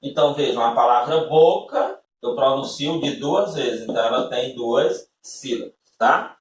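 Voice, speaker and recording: Heard off-mic from a distance in an echoey room, a man with a mid-range voice teaches at a measured pace. He works through the material patiently, step by step, frequently using tag questions to check in with his listeners. The classroom-style lesson recording carries a little hiss or hum.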